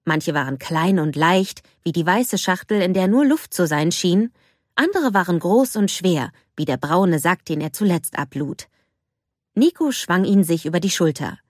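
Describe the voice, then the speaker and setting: Female storybook narrator, gentle and measured, low-pitched, dry sound. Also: animated, no echo. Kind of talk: storybook reading.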